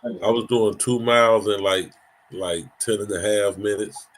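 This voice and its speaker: A man on a casual podcast panel, talking in a measured, matter-of-fact way. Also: fairly low pitch, steady tone. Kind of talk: casual chat.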